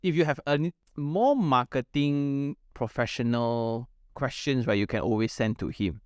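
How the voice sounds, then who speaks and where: A man's voice: medium pitch, a little slow, clear, resonant tone, dry recording, studio quality. A man with a Malaysian accent hosts a casual podcast chat, talking in colloquial English full of local particles and slang. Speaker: podcast host.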